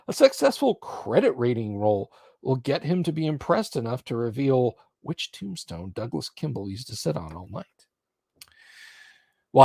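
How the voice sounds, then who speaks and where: A man with a mid-pitched voice acts as game master on a live stream. He reads scenario text aloud and comments on the rules, recorded close and very dry. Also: a little mellow, dry recording.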